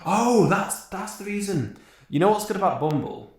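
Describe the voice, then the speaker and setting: A man's voice: high-pitched, animated, normal speed, darkish tone. A young man co-hosting a podcast. He rambles through a story, swears casually and laughs often. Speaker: podcast co-host. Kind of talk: casual chat. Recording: very echoey room.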